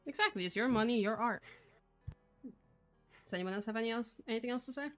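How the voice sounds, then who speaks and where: A woman's voice: fairly high pitch, faint music behind. A woman from Poland, not a native English speaker, speaking firmly on an online group voice call and filling her sentences with "uh" and "um". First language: Polish. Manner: firm, measured, with frequent fillers. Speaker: call moderator.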